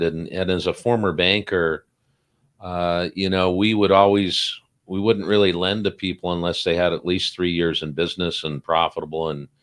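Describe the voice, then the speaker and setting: Chatty guy cohosting a talk show, really low voice, lots of ums and restarts. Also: a bit bright. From Salt Lake City, Utah. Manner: chatty, joking, many fillers and restarts. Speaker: podcast co-host. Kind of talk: casual interview chat.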